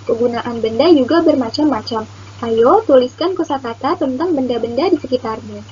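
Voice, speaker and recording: A woman's voice: sits high, normal speed, a little mellow. A young woman narrating a children's lesson as a teacher, in a sing-song way as if reading to a toddler. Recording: muffled lo-fi recording, faint noise.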